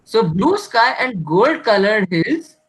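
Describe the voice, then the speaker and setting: A man with an Indian accent hosting an online quiz over a video call. His audio is glitchy and corrupted, and it keeps breaking up and cutting out as he reads each question slowly. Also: high-pitched, sing-song, fairly bright tone, husky. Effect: glitchy, corrupted audio that breaks up and cuts out. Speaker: quizmaster.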